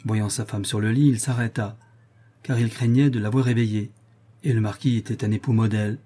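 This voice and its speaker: A man narrating a classic novel as an audiobook, in a measured reading style. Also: on the low side, steady tone, dark tone, slightly rough.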